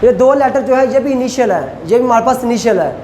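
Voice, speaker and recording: A male lecturer who teaches Chinese pronunciation, repeats syllables slowly and quizzes his students. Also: very high-pitched, animated, a little mellow. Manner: asks students questions. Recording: echoey room, faint ambient noise.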